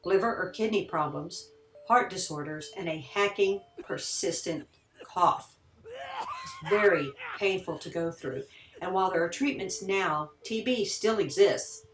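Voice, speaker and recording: A Kentucky woman works as a tour guide, narrating on-site in a large, empty historic building whose hall echoes around her. Her voice sits on the low side with a sing-song lilt, measured and conversational as she explains. The mic is distant, and faint music plays behind her.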